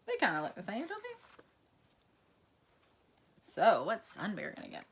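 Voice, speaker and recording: A woman reads a picture book aloud for toddlers, her pitch swooping up and down in a lively, playful way. She sounds animated and exclamatory. She keeps turning to the young listeners with questions. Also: unhurried, slight background noise. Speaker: children's storyteller.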